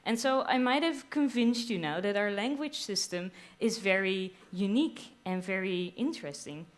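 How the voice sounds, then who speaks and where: A woman's voice: mid-range voice, normal speed. A young adult woman presents her research on stage at a science slam. She explains with enthusiasm and drops playful quoted asides. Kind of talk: lively explanatory stage talk. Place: live stage at a theater venue.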